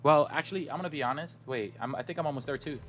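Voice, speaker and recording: Racing through his words in a fairly high, bright voice, this streamer, a native Somali speaker, talks directly to his chat while he games. He's casual and upbeat, with faint music in the background.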